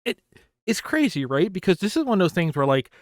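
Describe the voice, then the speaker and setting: A man's voice: high-pitched, big pitch swings, fairly quick, no room sound, studio quality. A man co-hosting a casual anime podcast, leading the talk with playful asides and frequent laughter. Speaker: podcast co-host leading the episode discussion.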